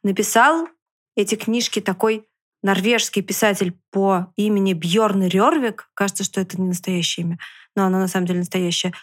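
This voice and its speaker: A woman reading a children's story aloud in a lively, expressive way. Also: medium pitch, normal speed. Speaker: children's book reader.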